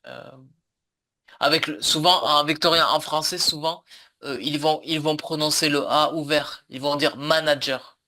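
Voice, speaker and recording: A man's voice: fairly high pitch, fairly even intonation, normal speed, bright, forceful tone. A man teaching a French lesson over a video call, explaining patiently with many fillers and repeats. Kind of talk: online language lesson.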